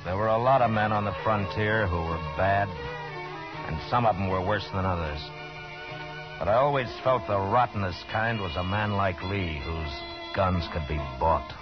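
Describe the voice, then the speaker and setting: Deep male voice, stern frontier marshal, acted by a man, terse, grimly sardonic, radio western, muffled vintage recording. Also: moderate pace, music in the background, lightly acted. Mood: brooding narration. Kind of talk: 1950s radio western acting. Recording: dull 1950s radio recording.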